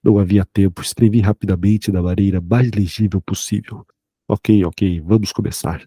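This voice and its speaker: A man's voice: sits low, steady tone, normal speed, dark tone, husky, dry recording, clean studio sound. A man voicing a tired male teacher who gives urgent, commanding instructions in a horror story.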